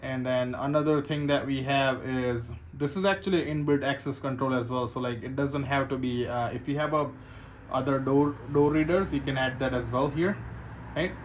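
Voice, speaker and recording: A security system installer with a mid-range voice walks through a product at a moderate pace in an informal, unscripted demo. He explains step by step and keeps checking in, often finishing a point with "right?". The recording is rough, with background ambient noise clearly audible.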